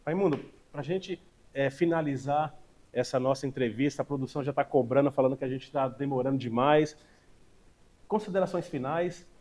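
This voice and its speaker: A man's voice: medium pitch, moderate pace, a little mellow. A middle-aged man hosting an on-camera interview in a small restaurant bar, upbeat and chatty, with playful asides, on a lapel mic. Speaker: interviewer and show host.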